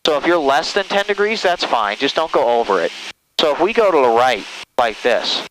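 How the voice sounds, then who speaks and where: Over the steady drone of the engine and radio in a small plane's cockpit, a man instructs a student pilot step by step via an aviation headset. He reassures often and checks comprehension with quick tag questions. His voice is a little high and fairly bright, very animated, at a moderate pace.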